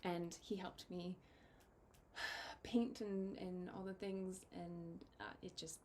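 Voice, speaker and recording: Young woman, low-ish voice, casual vlog chat, emotional and thankful, faint background hum. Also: level tone, dark tone. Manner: heartfelt, grateful, gets emotional, halting with many ums. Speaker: fantasy photographer and content creator. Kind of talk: casual personal update to viewers.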